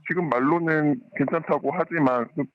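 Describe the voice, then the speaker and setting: A parent calling in anonymously, whose voice is disguised with a pitch-shifting voice changer, speaking hesitantly with many pauses. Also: no room sound, phone-quality sound. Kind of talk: phone-in interview.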